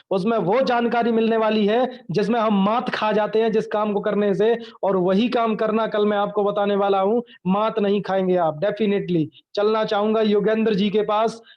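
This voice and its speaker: A man's voice: high-pitched, muffled recording. A man hosting an online training session, effusive and full of repeated thanks, heard through a video call.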